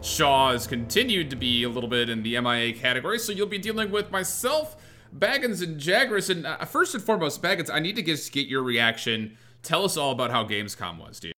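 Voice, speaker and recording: Bright, upbeat male podcast host. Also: a little high, fairly quick, faint music behind. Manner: lively, upbeat questioning. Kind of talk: casual podcast chat.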